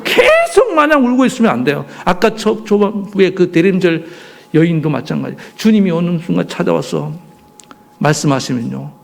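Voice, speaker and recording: A male pastor delivers a sermon with a high, animated voice that rises and falls sharply. A gravelly fry runs through his speech as he hammers home points with rhetorical questions. His delivery stays emphatic and insistent. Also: moderate pace.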